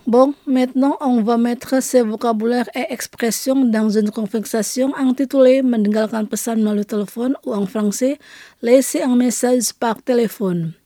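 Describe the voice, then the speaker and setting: A woman presenting a scripted radio language lesson, saying each phrase slowly twice and then translating it. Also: on the high side, fairly even intonation, dark tone.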